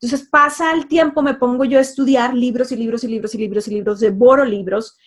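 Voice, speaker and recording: A woman's voice: fairly high pitch, fairly even intonation, fairly quick. A woman, a life coach, telling her life story in a casual way, with emphatic repetitions and many fillers.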